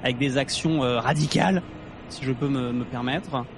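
A man's voice: medium pitch, normal speed, background noise. A man playing a tabletop role-playing game, hesitant and full of fillers, laughing easily. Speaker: player. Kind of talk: casual play chat.

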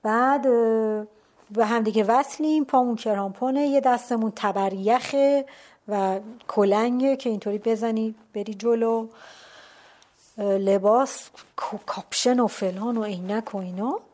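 A woman casually telling a personal story out loud. She is animated, sometimes drops to a hushed whisper, and often breaks off mid-word to restart. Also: on the high side. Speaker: storyteller recounting a climb.

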